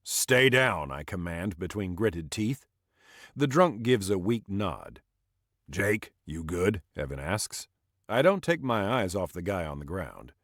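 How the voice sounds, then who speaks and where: A man's voice: low voice, very animated, unhurried, no echo, clean studio sound. A man narrating an audiobook in scripted style, voicing the dialogue with small shifts for each character.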